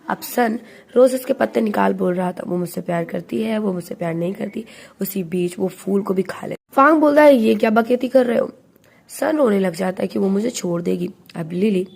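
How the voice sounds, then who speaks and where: Woman narrating a drama recap, gravelly. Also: mid-range voice. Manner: quick, chatty retelling with quoted lines read out in her own voice.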